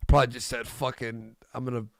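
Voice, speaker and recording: A man's voice: mid-range voice, flat delivery, fast talker, gravelly, no echo, studio quality. A man hosting a live stream, laughing often and reading out viewer donations in crude banter.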